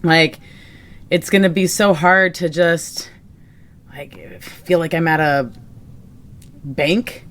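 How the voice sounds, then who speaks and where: Low-voiced chatty young woman. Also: slow, long pauses, a little hiss or hum. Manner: rambling, laughs often, trails off with fillers. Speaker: podcast co-host. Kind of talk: casual chat.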